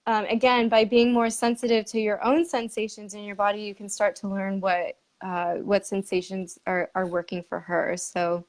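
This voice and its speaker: A woman's voice: mid-range voice, level tone, normal speed, few pauses. A woman hosting a conversational interview, speaking candidly with frequent laughs and fillers. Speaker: podcast host. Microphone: remote live stream.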